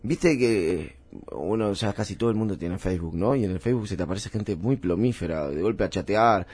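A man's voice: on the low side, a little fast, darkish tone, slightly rough. A man with an Argentine accent, a comedian guest chatting in a radio interview, rambling and self-deprecating as he laughs at his own jokes. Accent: Argentine Spanish. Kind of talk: casual interview banter with comic bits. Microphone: radio studio microphone.

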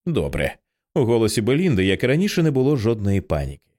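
A man narrating an audiobook in an expressive, tense storytelling style. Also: mid-range voice, racing.

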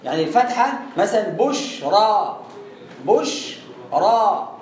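In a lesson on tajweed, this Egyptian-accented teacher quizzes himself patiently, supplies the answers, and stretches sounds out as examples. He speaks quickly in a very high, slightly mellow voice with lively intonation; the distant mic catches room echo and faint noise.

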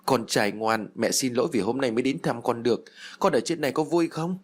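A man's voice: mid-range voice, brisk, husky, lightly acted. A man voicing a grieving young mother who is tearful and anxious, speaking in a pleading, emotional way. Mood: tender.

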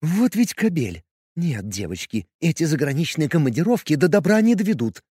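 A man's voice: a little high, sing-song, normal speed, warm tone, slightly rough, no room sound, studio quality, voice pushed up. A man voicing a cold, indignant young woman who grumbles. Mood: grumbling.

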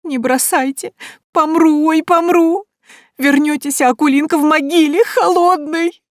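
A woman's voice: a little high, lively intonation, a little fast, a little mellow, slightly rough, no room sound, clean studio sound, pitched above the performer's own voice. Woman doing a wailing young peasant maid. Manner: folksy rustic speech, wailing pleas.

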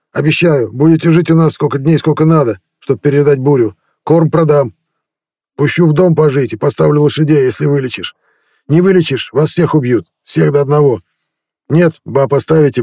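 A man's voice: fairly high pitch, normal speed, warm tone, dry recording, clean studio sound, voice pushed up. A man voicing a drunk, brutish male village chief in pain, roaring threats and orders. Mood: pained, bargaining.

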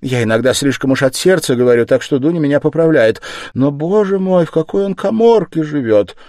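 A man doing a high fretful old mother, lively swooping exclaims, dry close sound, storybook. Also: a little fast, no echo, natural voice. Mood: flustered. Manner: flustered, exclaiming. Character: anxious fussing older mother, woman.

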